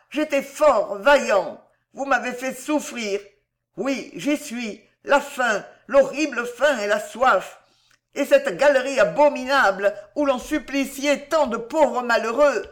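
A reader putting on a man gone mad, who swings between a child's curiosity and high, loud, frantic terror. The voice rises and swoops widely. He sounds like a storybook prisoner broken by fear. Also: exaggerated voice. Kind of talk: audiobook reading.

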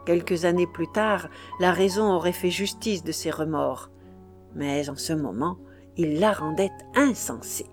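A woman narrating a classic novel as an audiobook, in a measured, unhurried storytelling manner. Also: lowish voice, soft background music.

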